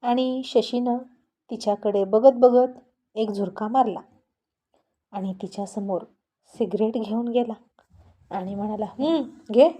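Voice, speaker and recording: A woman storyteller narrating a serialized tale in a calm, measured manner. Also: medium pitch.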